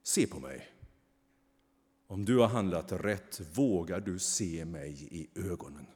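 A man voicing a grave, stern angel who speaks slowly and deliberately in a low voice. The words linger in a long hall reverb, like a storybook read in a church. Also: expressive, a little mellow, breathy edge. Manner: slow, measured, grave. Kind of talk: storybook reading.

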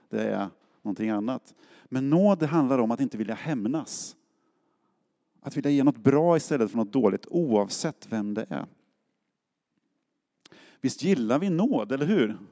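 Preaching as a pastor, a middle-aged Swedish man speaks in a mellow, medium-pitched voice. He tells his sermon like a casual story, acting out quotes, and the room adds a long hall reverb.

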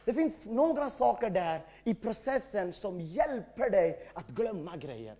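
High-voiced emphatic male preacher. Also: sing-song. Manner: emphatic preaching, swings between shouting and quiet. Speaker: pastor. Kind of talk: sermon.

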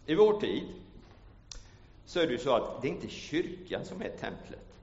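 A man's voice: mid-range voice, very animated. A male pastor delivers a dramatic sermon in a large church space. His voice rings with a long reverb. The recording sounds muffled and lo-fi. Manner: dramatic, swings from hushed storytelling to loud calls. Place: church hall. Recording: echoey church hall, dull lo-fi sound.

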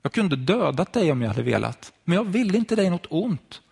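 A man's voice: high voice, sing-song, gravelly, darkish tone, husky, voice pushed up, exaggerated voice. A man voicing King David, who speaks earnestly and reassuringly in a retold Bible story. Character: King David, a calm, merciful young man.

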